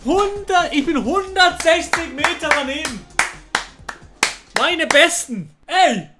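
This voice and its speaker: A young man, talking casually to his chat while playing a guessing game, excitable and slangy. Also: very high-pitched, slow, heavy background noise. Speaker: streamer. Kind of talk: casual gameplay commentary. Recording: faint music underneath.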